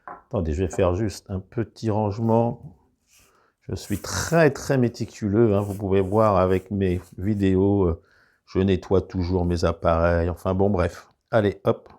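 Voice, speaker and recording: A man's voice: deep voice, fairly even intonation, measured pace, a little mellow. A man with a regional accent demonstrating a product in a casual review, explaining carefully with many hesitations. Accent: French regional.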